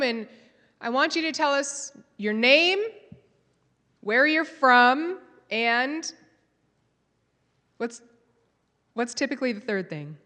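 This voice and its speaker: An American woman with a fairly high, sharp-toned voice gives a live conference talk, telling a story and quizzing the audience. The recording carries a long hall reverb.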